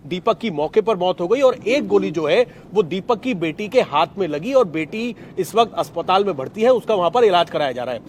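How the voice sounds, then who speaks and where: A male field reporter speaking live from the scene. He explains the case fluently and comes back to the same phrases as he goes. His voice sits notably high.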